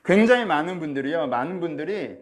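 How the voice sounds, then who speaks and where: Talking quickly and expressively in a fairly high pitch, this pastor delivers a sermon online to his congregation. His words come slightly muffled through a face mask as he poses questions to the audience and voices imagined inner thoughts.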